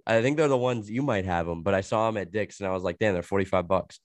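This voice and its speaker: Young guy with a cold rambling on a podcast, kinda low voice, super dry close sound. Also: quick pace, no echo. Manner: rambling, heavy filler "like", laughs a lot. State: sick with a cold, coughing. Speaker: podcast co-host. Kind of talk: casual chat.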